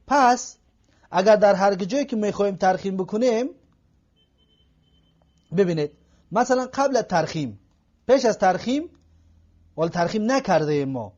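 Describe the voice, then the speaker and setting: Guy teaching grammar, fairly high voice, repeats stuff slowly, kinda muffled lo-fi audio. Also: darkish tone. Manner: patient, repeats examples slowly. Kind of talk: classroom lecture. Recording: dull lo-fi recording.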